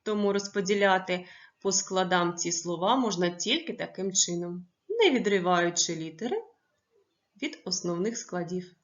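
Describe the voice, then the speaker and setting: Woman teacher, slow clear dictation. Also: lowish voice, expressive, highs cut off. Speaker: primary school teacher. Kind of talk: classroom lesson for young pupils.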